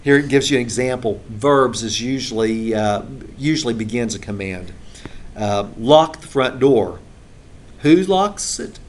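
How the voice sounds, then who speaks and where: A man's voice: mid-range voice, lively intonation, normal speed. A male instructor giving a classroom lecture in a conversational way, with frequent filler sounds, recorded in a classroom.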